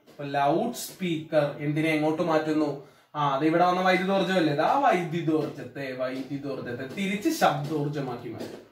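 A man's voice: fairly high pitch, far from the mic. A man with a Malayalam accent teaching science to pupils, asking a question and then answering it himself, again and again. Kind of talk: classroom-style science lesson. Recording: echoey room, away from the mic.

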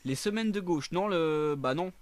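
A man's voice: a little high, normal speed. A man hosting a casual live stream from a room shared with friends, joking and hesitating with many fillers.

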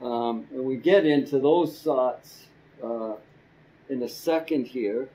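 Slow, halting older man teaching a class. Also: medium pitch, dark tone, rough recording. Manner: slow, halting, with frequent ums and repeated words. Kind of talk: church Bible class lesson. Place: church classroom with a projector screen. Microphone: podium microphone.

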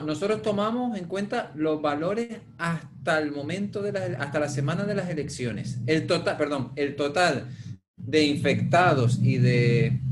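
A man's voice: fairly high pitch, background noise. A man answering questions as presenter in an online academic discussion, agreeing emphatically and repeating phrases. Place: online video call.

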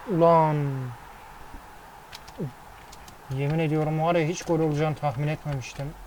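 Excitable man calling a football game. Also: fairly high pitch, slight background noise, rough recording. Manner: excitable play-by-play, swears casually. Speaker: gaming commentator. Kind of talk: casual football game commentary.

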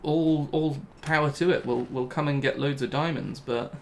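A man's voice: fairly high pitch, steady tone, moderate pace, slight background noise. A young man talking through his gameplay live, thinking aloud and repeating himself when things go wrong. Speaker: gaming channel host.

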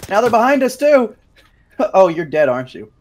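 A man's voice: high-pitched, very animated, moderate pace. A young man chatting during a co-op war game, dry and joking, swearing when something startles him, on a headset mic. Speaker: gamer. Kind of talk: co-op gameplay chat.

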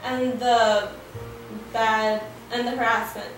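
Here a young woman renders a sermon line by line, hesitant and full of fillers and restarts, in a slightly high voice that stays level and moves very slowly. A far-off camera captures her in an echoey living room set with framed pictures, faint music in the background.

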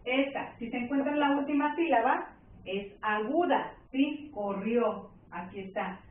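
A woman's voice: a little high, measured pace. A woman with a Mexican accent teaching a primary school grammar lesson, patiently checking in with her pupils. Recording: tinny distant echoey room.

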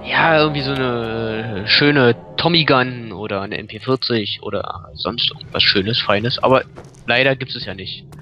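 A man's voice: medium pitch, normal speed, sharp tone, dull audio, faint music behind. A man co-commenting on a horror game, chatty and explaining things at length. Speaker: let's play co-commentator. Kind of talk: casual gaming commentary.

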